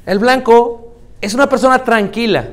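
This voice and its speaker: A young man preaching, lively, acting out church members in little voices. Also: very high-pitched, normal speed. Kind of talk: lively sermon to young people. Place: church hall.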